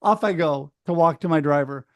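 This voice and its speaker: A middle-aged man from Oregon, telling a personal story in a casual, animated way on a video call and acting out what other people said. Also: fairly high pitch, fairly quick, dry recording. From Oregon, United States. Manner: animated, acts out other people's words, laughs often. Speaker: speaker sharing his story.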